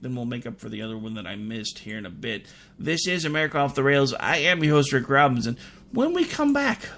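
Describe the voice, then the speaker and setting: A man's voice: mid-range voice, creaky. A man hosting talk radio in a casual, joking, informal way.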